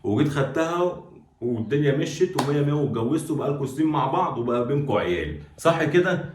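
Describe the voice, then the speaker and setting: A man's voice: medium pitch, animated, rapid-fire, echoey room, a little hiss or hum, close to an everyday voice. A man with an Egyptian accent playing a stern older brother who lectures his sister's husband, insisting and repeating himself. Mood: lecturing. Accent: Egyptian Arabic. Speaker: actor in a skit. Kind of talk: sketch acting.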